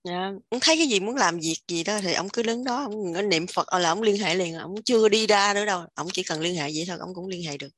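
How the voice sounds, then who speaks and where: A woman's voice: mid-range voice, quick pace, hardly any pauses, fairly bright tone, dry recording. A woman telling stories in a chatty way, often laughing. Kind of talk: religious discussion.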